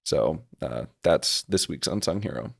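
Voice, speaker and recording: A man's voice: extremely low pitch, lively intonation, unhurried, gravelly. A man co-hosting a sports podcast, breaking down plays in a laid-back way. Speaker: podcast co-host. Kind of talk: casual sports podcast chat.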